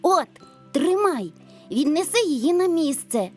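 An eager, brave little boy from a children's story, with a high, bouncy voice, as a woman plays him. He talks with lively rises and falls over quiet background music. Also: measured pace. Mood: eager earnest. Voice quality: bright, eager.

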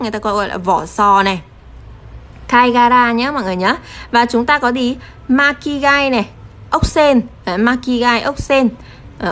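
A woman teaching a live-streamed kanji lesson, her voice sitting a little high. She is patient and keeps pausing to check in with viewers. A faint hiss runs under the recording. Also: a bit bright. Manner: patient, checks in often with rhetorical questions. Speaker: Japanese teacher.

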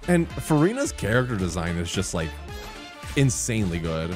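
A young adult man streaming from a small indoor home room reacts to a game trailer with enthusiastic, exclamatory, casual commentary, speaking close into a desk microphone mounted on an arm. His voice is lowish with big pitch swings at a normal speed, and the trailer's music plays in the background.

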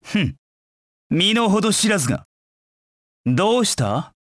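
Slow, curt battle lines come from a proud young male hedgehog warrior in a video game, cold, disdainful and arrogant like a rival knight. His high-pitched, sing-song voice is a bit bright and heavily acted, haughty and confident, with close, dry sound and no echo.

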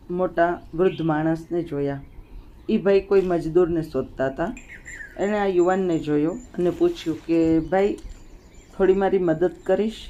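A woman's voice: fairly low pitch, mellow, slight background noise. A woman storyteller narrating a moral story in a plain, homely way, in a muffled lo-fi recording.

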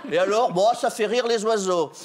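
Humoriste homme, voix haute, monologue comique avec rires du public. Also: male voice, sits high, moderate pace, noisy background. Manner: storytelling, voicing characters in dialogue. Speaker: comedian. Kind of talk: comic monologue on stage. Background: audience laughter.

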